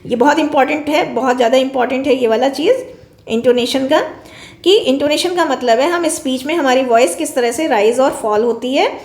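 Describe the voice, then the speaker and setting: A woman's voice: sits high, fairly quick, echoey room. A woman teacher with an Indian accent, giving a recorded online lecture in Hindi mixed with English terms, repeating points and asking herself questions.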